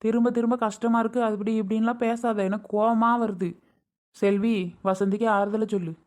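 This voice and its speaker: A woman's voice: fairly high pitch, fairly even intonation, fairly quick, a little mellow, lightly acted. A woman playing a stern uncle in a family drama skit, lecturing firmly and dismissively.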